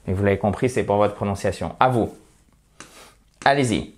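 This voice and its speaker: A man teaching English pronunciation in an online lesson, chatting relaxedly with viewers and slowly repeating model words for them to drill. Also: fairly low pitch.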